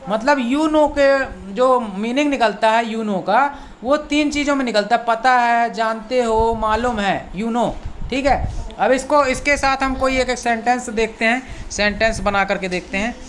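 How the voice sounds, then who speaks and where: A woman teaching an online language lesson, explaining slowly, repeating each point and reading example sentences word by word. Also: a little high, slight background noise. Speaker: English teacher.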